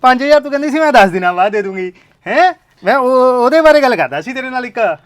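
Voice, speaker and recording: Brief: a leering, wheedling village shopkeeper man, high and fast. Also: expressive. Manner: coaxing, keeps repeating "come, sit". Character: lecherous male village shopkeeper, wheedling and pushy. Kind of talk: comedy skit acting.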